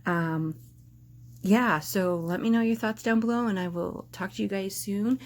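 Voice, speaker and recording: A woman's voice: medium pitch, measured pace, darkish tone. A woman vlogging casually to camera, rambling and hesitant, with lots of filler words and restarts.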